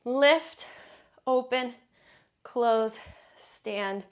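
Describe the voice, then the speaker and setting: A woman's voice: fairly high pitch, drawn-out words. A woman leading a workout, counting reps and cueing breaths in an encouraging way, a little out of breath as she exercises along. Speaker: fitness instructor. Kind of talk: guided workout instruction.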